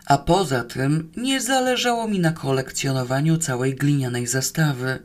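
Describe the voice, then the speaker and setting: A woman reading a novel aloud in the first person, with a wry storytelling manner. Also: sits low. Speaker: audiobook reader.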